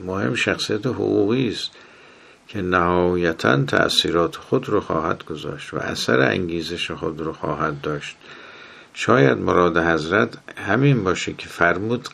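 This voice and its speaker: A man giving a religious lecture on management, quoting Arabic sayings and swinging between emphatic rises and soft drops. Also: deep voice, creaky.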